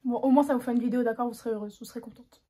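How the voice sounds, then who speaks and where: A woman's voice: fairly high pitch, steady tone, very fast, mellow. A young woman chatting casually through a makeup tutorial, slangy and self-mocking. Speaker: beauty vlogger.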